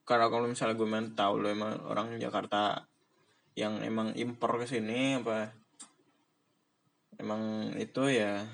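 A man's voice: medium pitch, creaky. A young man from Indonesia talking casually on his own, rambling in slang with frequent laughs. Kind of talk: casual monologue.

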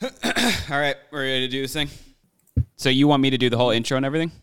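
A man's voice: mid-range voice, expressive, quick pace, a bit bright, clean tone, dry recording, studio quality. A young man co-hosting a podcast in casual chat, joking around, with a nagging cough. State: has a cough. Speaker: podcast co-host.

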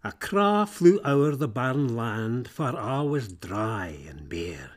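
Fables told in Scots verse come from a Scottish man speaking slowly in a mid-range voice. His performance is theatrical and full of expression, dipping into hushes before rising into emphatic peaks.

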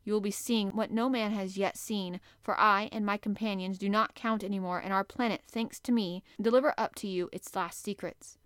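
A woman's voice: medium pitch, steady tone, smooth, no room sound, studio quality, natural voice. Captain Nemo, as a woman reader puts him on, cold and commanding. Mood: grand. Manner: cold, measured, forceful. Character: stern commanding male sea captain, cold and proud.

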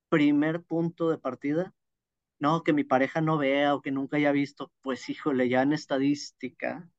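A man's voice: mid-range voice, no room sound. Guy from monterrey, northern mexican accent, explaining stuff on a podcast, dry kinda lo-fi audio. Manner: naturally loud, emphatic way of talking. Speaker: podcast guest, speaker. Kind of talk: conversational podcast interview.

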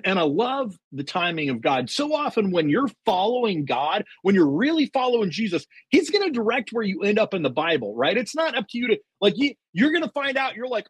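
Brief: middle-aged man, lively sing-song delivery, eager storyteller on a faith podcast. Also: sits high, breathy edge, no echo. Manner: earnest storytelling, quotes himself and God; many fillers and restarts, excited. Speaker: podcast guest. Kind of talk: testimony in a faith interview.

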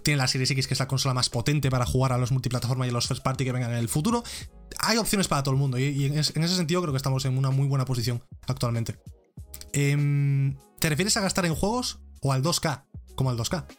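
A man's voice: mid-range voice, fast talker, faint music behind. A man with a Spain Spanish accent hosting a live gaming show, ranting bluntly and swearing freely on a close microphone. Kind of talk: ranting live-stream commentary. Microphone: close desk microphone.

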